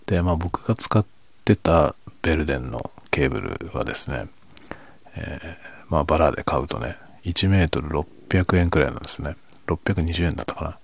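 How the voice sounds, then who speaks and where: A man chatting casually and quietly late at night, half whispering as if others in the house are asleep. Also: a bass voice, animated, a little fast, creaky, dry recording. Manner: speaks quietly, half whispering, so as not to wake sleeping family. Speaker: host of a late-night audio chat. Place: at home at night. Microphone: microphone without windscreen, slightly backed away.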